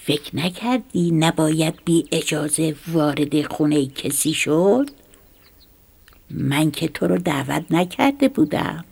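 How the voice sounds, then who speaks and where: A woman's voice: low voice, animated, vocal fry, a little mellow, slightly rough, heavily acted. A woman voicing a small, hardworking mouse in a whispered role-play for a storybook tale, indignant and pleading.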